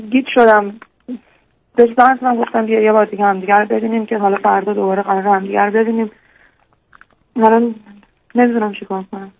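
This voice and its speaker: A young female caller on a radio advice show, speaking in a flat, gravelly voice. She halts often and fills pauses while sounding unsure. The line is muffled and lo-fi. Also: mid-range voice, no echo. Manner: hesitant, full of fillers and restarts, unsure. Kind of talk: personal story on a call-in show.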